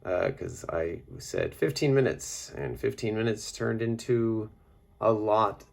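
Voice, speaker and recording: A man's voice: fairly low pitch, takes it slowly, creaky. A man talking casually in a personal vlog, rambling and reflective with lots of fillers. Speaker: vlogger on a water fast.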